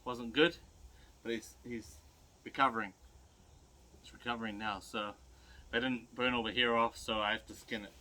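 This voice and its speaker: A man's voice: mid-range voice, fairly even intonation, normal speed, pauses often, sharp tone. A middle-aged man with a broad New Zealand accent, chatting casually and giving laid-back, colloquial instructions as he works. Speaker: host demonstrating butchery to viewers. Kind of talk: casual chat while working.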